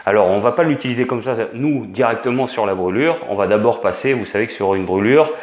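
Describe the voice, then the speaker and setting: A man's voice: fairly low pitch, quick pace, roomy sound. A man giving an informal spoken lesson as an instructor, hesitant, with many fillers and restarts. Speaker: essential oils instructor.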